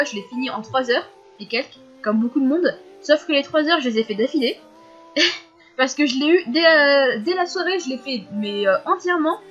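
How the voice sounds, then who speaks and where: A teenage girl with a high, youthful voice rattles through viewer questions at speed, full of fillers and quick giggles. The recording is a little dull and lo-fi, with faint music underneath. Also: fairly bright tone. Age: teens. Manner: fast, chatty, giggly, lots of fillers. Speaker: youtuber answering viewer questions. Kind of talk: casual FAQ vlog.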